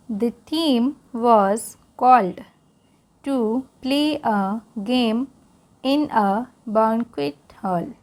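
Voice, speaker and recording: A woman teaching an English reading lesson, reading each word slowly aloud and explaining how to pronounce it. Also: on the high side, a little mellow. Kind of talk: slow classroom read-aloud lesson.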